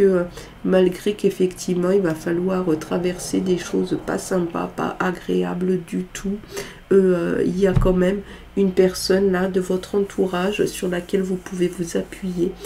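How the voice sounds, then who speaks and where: A woman's voice: fairly low pitch, dark tone, slight background noise. A woman with a cold reading tarot cards in a casual, hesitant way, with lots of filler sounds. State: has a cold, congested voice. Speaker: tarot card reader.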